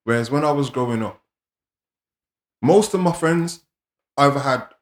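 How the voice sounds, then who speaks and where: A man's voice: medium pitch, animated, unhurried. London roadman, roomy sound. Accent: London, urban street. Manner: London roadman way of talking, peppered with slang tags. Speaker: podcast co-host. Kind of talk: casual chat in street slang.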